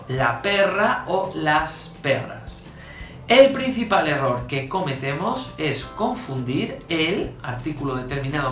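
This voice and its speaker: A bright, forceful male voice explains grammar like a teacher, spelling out examples slowly and with stress. The room rings with echo, and faint music plays underneath. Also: on the high side. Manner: slow, stressed examples with frequent "¿vale?" checks. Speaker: Spanish teacher. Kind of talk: spoken grammar lesson.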